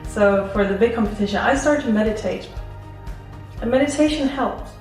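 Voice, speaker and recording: A Swedish woman takes audience questions at a seminar, offering sincere advice and voicing small inner monologues. She speaks at a normal pace in a rather high voice. The recording picks her up from a distance in an echoey hall, with faint music behind.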